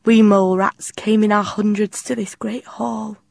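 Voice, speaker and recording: A woman voicing an old, weary male mole rat guard who speaks hoarsely and humbly. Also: medium pitch, level tone, normal speed, darkish tone, dry recording. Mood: solemn.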